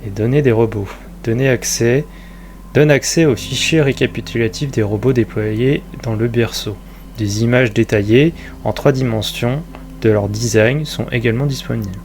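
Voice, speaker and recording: A man gives casual let's play commentary in a middling-pitched voice. He reads game text aloud between remarks, with faint ambient noise behind him. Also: moderate pace, a little mellow.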